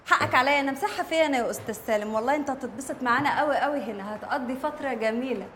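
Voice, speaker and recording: A high-voiced Egyptian woman rattling off her lines at great speed, teasing and scolding by turns. Her voice rings in an echoey space with a long tail, with faint ambience behind it. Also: racing, a bit bright, a little hiss or hum. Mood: lively. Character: chatty young woman resident, quick-tongued. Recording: echoey room with long reverb.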